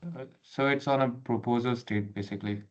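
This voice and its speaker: A man joining a community meeting over a video call, asking brief questions and giving quick acknowledgments. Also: medium pitch, steady tone. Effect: heard over a video call. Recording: muffled video-call audio from a distance.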